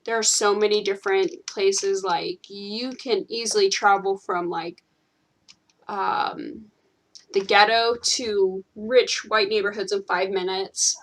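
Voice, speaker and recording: A young woman from California talks in an unhurried, casual way, pausing on ums and restarting her sentences. Her voice sits at an ordinary pitch and she takes her time. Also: steady tone. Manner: rambling, full of ums and restarts. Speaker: channel host. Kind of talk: casual chat while gaming.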